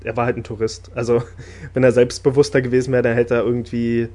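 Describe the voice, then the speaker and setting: A man chatting casually about an anime episode, talkative and laughing often, getting animated when enthusiastic. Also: medium pitch, quick pace, slight background noise. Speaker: podcast host discussing anime. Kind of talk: casual chat.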